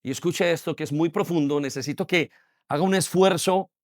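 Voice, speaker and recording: High-voiced pastor preaching emphatically. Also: male voice, fairly quick, darkish tone, dry recording, studio quality. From Colombia. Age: 40s. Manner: emphatic preaching with repetition and rhetorical questions. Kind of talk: sermon. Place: church hall.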